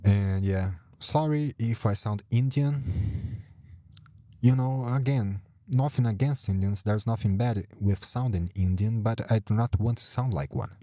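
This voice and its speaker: A man with a fairly low, slightly mellow voice hosts a solo podcast from home, speaking at a measured pace with no echo. He rambles, runs himself down, swears a lot and repeats himself. His home mic sits close to his mouth, sometimes too close.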